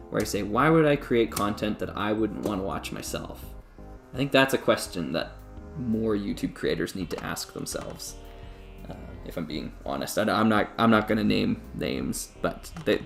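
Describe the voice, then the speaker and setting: Rambling man on a live stream, gravelly. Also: lowish voice. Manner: rambling, talks to chat, many restarts and laughs. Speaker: YouTube creator live streaming. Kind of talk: casual live-stream chat.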